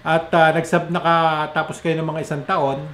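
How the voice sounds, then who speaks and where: A Filipino man with a Filipino accent talks to his viewers in a chatty vlog, switching between English and Filipino. His voice sits a little high and keeps jumping up and down in pitch and loudness. The recording sounds roomy and echoey, with a faint hiss behind it. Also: little pitch movement, moderate pace. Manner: pitch and loudness swing up and down a lot. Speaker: vlogger. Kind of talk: casual vlog explainer. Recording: echoey room with faint background noise.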